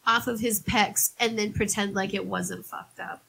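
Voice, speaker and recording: A woman in casual chat, telling stories in an animated way, swearing and laughing often. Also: medium pitch, normal speed, vocal fry, breathy edge, low-quality recording.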